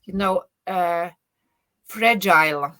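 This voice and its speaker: Speaking slowly in a fairly low voice, a middle-aged university teacher whose first language is Polish gives a relaxed interview in conversational English. She jokes and thinks out loud, full of fillers and false starts.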